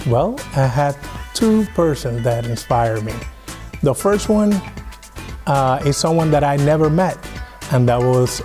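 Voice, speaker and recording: Puerto Rican man speaking over soft music. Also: on the high side, animated, measured pace. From Puerto Rico. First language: Spanish. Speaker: emergency medical services sergeant. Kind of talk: personal testimonial to camera.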